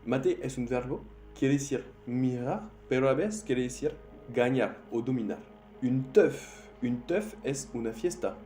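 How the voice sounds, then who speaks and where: Here a French teacher with a dark, mid-range voice teaches slang in Spanish, a language he speaks as a non-native. The vocabulary lesson relies on slow repetition of words for drilling, and the audio has roomy echo with faint music underneath.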